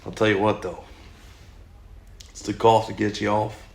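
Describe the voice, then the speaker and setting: A young man with a heavily gravelly, low voice, fighting a cough while he rambles through crude, deadpan jokes. The garage gives his voice an echoey ring. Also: normal speed. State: coughing, recovering. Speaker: podcast co-host. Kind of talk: casual banter. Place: unheated home garage.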